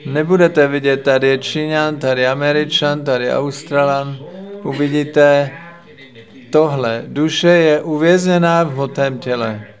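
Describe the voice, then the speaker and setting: A man giving a religious lecture in a measured, preaching manner, repeating phrases in lists. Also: on the high side. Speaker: spiritual lecturer.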